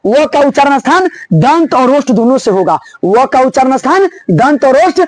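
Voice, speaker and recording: A man teaching grammar for board exams, repeating each point and urging students on loudly. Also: very high voice, big pitch swings, moderate pace, no echo, rough recording. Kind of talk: board-exam lesson.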